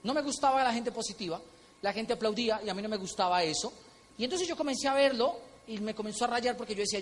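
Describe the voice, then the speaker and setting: Animated Colombian man on stage. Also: sits high. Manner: animated storytelling, acting out quotes. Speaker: motivational speaker. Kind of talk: stage talk at a convention. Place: large convention hall. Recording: echoey hall with faint noise.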